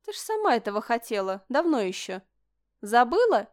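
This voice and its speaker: A woman voicing a shrill, imperious young princess. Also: very animated, moderate pace. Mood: bossy. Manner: imperious, shrill when upset. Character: haughty, capricious young princess.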